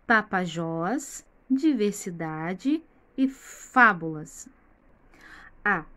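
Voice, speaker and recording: A woman's voice: mid-range voice, mellow. Patient Brazilian woman teaching children. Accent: Brazilian Portuguese. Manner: patient, slowly spells out words and addresses the children directly. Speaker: primary school teacher. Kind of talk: recorded remote lesson for children.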